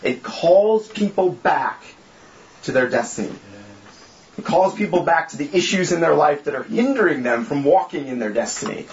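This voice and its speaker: A man's voice: fairly high pitch, expressive, normal speed, a little hiss or hum. A young man leading a church group, giving a candid, self-mocking informal sermon and acting out the voices he quotes. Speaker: small-group church leader. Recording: echoey room, dull lo-fi sound.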